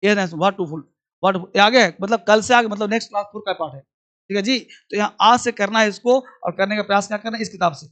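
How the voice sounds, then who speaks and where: A man's voice: high-pitched, brisk, a bit bright. A man teaching English in a classroom. He chants verb forms in rhythm and repeats each point. He keeps asking the class questions and answers them himself. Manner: drills verb forms aloud, asks and answers his own questions. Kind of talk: classroom lesson.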